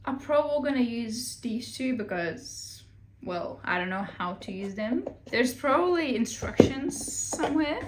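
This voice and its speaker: A woman speaks in a casual vlogger style, informal and thinking out loud as she goes. Her voice sits at a middling pitch. The recording is roomy and echoey, with clear ambient noise behind her. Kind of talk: casual vlog chat to camera.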